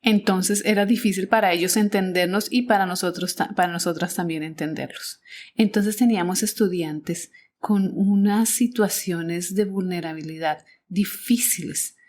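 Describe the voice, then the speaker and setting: A woman's voice: lowish voice, normal speed, a little mellow. A Colombian woman with a Colombian accent, hosting a podcast and reflectively recounting her first year as a teacher, often repeating words and restarting phrases. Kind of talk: personal storytelling podcast.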